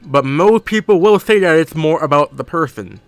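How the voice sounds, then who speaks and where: A gaming streamer with a fairly high-pitched voice and lively intonation talks at normal speed, with no echo. Doing casual live-stream commentary while playing, he thinks aloud in a rambling way and often corrects himself mid-sentence.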